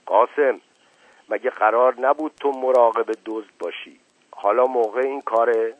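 A pompous, suspicious old uncle, quick to snap, as a male narrator puts him on. His husky voice comes through a dry, tinny radio recording. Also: medium pitch, dry recording, voice pushed up, lightly acted. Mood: angry. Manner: angry, forceful, impatient. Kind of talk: audiobook reading.

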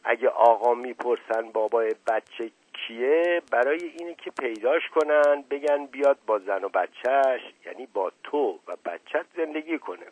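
A man's voice: medium pitch, very animated, few pauses, breathy edge, no echo. A man voicing a middle-aged nobleman who talks in a soothing, coaxing way. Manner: soothing, coaxing, sharp when crossed. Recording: tinny phone-like, dry.

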